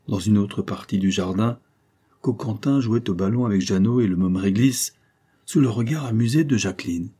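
Low, husky male audiobook narrator. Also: dark tone. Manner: measured, dramatic storytelling. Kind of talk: scripted literary narration.

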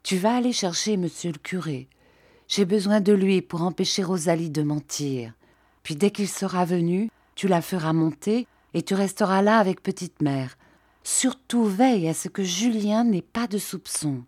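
A woman's voice: fairly low pitch, moderate pace, darkish tone, breathy edge, no echo. A woman reading the part of a distressed, pregnant young wife who insists on being obeyed. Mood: determined. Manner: insistent, emotional.

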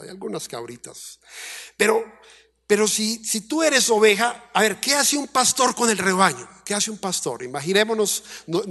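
A Colombian man preaching a sermon as pastor, asking the congregation questions and acting out quoted voices. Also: a bit bright. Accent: Colombian Spanish. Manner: acts out quoted voices in a high, fretful tone.

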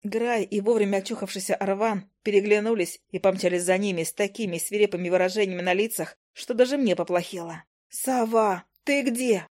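A woman narrates a first-person fantasy audiobook at a mid pitch, reading briskly and expressively. Her voice carries the action lively and clear, with steady storytelling energy.

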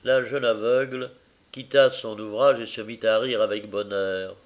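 A man narrating a classic novel as an audiobook, in a measured, expressive reading. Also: fairly low pitch, lo-fi sound. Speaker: audiobook reader.

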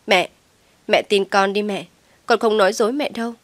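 A woman's voice: medium pitch, brisk, no echo, close to an everyday voice. A woman voicing a stubborn young daughter who pleads tearfully with her mother, recorded dry and close. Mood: pleading.

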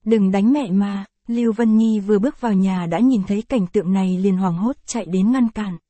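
A woman's voice: medium pitch, fairly quick, dark tone, dry recording. Woman reading a dramatic story. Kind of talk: read-aloud story narration.

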